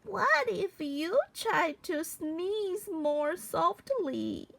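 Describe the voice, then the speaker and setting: A woman voicing a calm, cheerful little pig in a read-aloud picture book, asking gentle questions. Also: extremely high pitch, very slow, vocal fry, full character voice.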